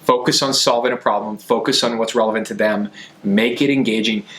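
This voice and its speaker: A man's voice: lowish voice, fairly even intonation, a little fast, crowd noise. A man coaching on sales in a conversational way, as a podcast host, stressing his points by repeating key phrases.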